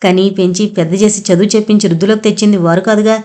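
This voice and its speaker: A woman's voice: mid-range voice, fairly even intonation, racing, warm tone, close to an everyday voice. A woman voicing a proud, caring young married daughter who speaks earnestly and with feeling. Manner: earnest and emotional.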